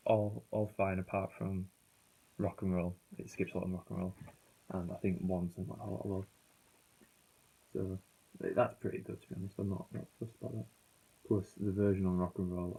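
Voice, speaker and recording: A British man with a low, warm, slightly rough voice chats casually and unscripted in a vlog as an album reviewer. He rambles, hesitates, and corrects himself, and his voice sounds muffled through a failing phone.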